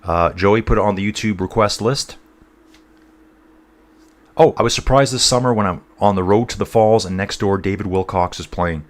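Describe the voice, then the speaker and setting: A man's voice: lowish voice, moderate pace. A man from North East England hosting a casual cycling livestream, rambling between race commentary and reading out viewer chat, calling everyone dude and guys.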